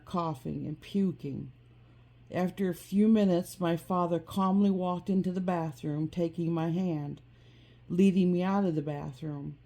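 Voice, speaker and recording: Woman, personal memoir narrator, unhurried, somber, warm low voice. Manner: slow, soft and somber, with occasional restarts. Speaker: personal storyteller.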